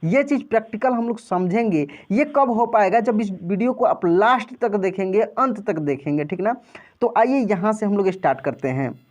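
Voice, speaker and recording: A man's voice: high-pitched, expressive, normal speed, darkish tone. A man teaching an online video lesson to adult learners. He speaks patiently and repeats himself, draws out and stresses vowel sounds for practice, calls his viewers friends, and keeps checking that they follow. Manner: addresses viewers as friends and often checks understanding.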